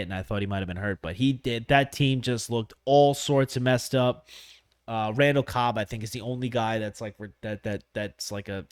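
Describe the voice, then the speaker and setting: A man's voice: lowish voice, smooth, dry recording, clean studio sound. Rambling man on a sports podcast. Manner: rambling, frequent fillers and restarts. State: sniffly from allergies. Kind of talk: casual solo sports talk. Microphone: close studio microphone.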